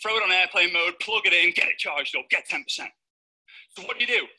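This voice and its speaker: A man giving a high-energy, playful motivational talk on stage to a live audience. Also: brisk, bright, forceful tone, rough recording. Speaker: motivational speaker.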